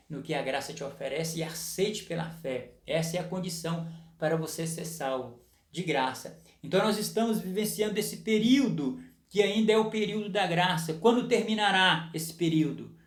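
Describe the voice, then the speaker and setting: A man's voice: on the high side, brisk, roomy sound. A man preaching a sermon, explaining scripture with frequent rhetorical questions and tag questions. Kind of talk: sermon teaching.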